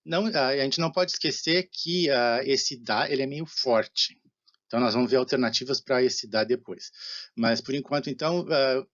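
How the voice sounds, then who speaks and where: A man with a Brazilian Portuguese accent gives a recorded Japanese lecture, explaining patiently, often asking "né?" and slowing down for example phrases. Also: mid-range voice, fairly bright tone, highs cut off. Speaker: Japanese language teacher.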